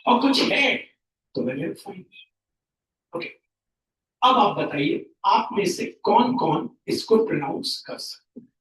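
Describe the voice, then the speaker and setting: Slow, lively-voiced male tutor in an echoey classroom. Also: sits high. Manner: slow, repeats terms, coaxes pupils. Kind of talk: classroom math lesson. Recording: roomy classroom, mic at a distance.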